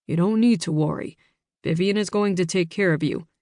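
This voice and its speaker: A woman voicing a weary father speaking gently from jail in an audiobook. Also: lowish voice, normal speed, no echo, clean studio sound, lightly acted. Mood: gentle, resigned. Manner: gentle, turns stern.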